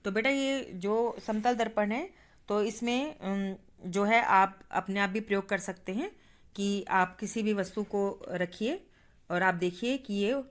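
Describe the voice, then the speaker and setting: Speaking at a medium pitch and an unhurried pace, a female teacher gives schoolchildren a patient, step-by-step science lesson. She addresses them as "beta" and spells out letters while demonstrating.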